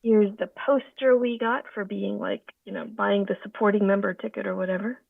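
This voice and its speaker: A woman's voice: mid-range voice, fairly even intonation, moderate pace, creaky, no echo. Theatrical woman on a tinny call line. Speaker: voice actor. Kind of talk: casual video call chat. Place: home sofa. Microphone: video call. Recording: tinny phone-like line, dry.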